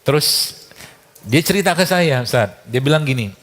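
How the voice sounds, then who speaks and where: A man's voice: fairly high pitch, animated, moderate pace. A man giving a casual talk full of anecdotes. He chuckles often and acts out the dialogue he quotes.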